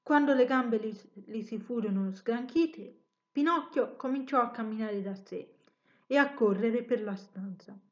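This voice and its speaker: A woman reading a children's story aloud, expressive, with an occasional self-correction. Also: fairly high pitch, unhurried, highs cut off.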